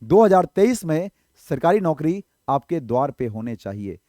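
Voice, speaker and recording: A man's voice: a little high, very animated, moderate pace, warm tone, dry recording, studio quality. A man teaching English vocabulary in an online exam-prep lesson, explaining patiently, asking rhetorical questions and checking in often.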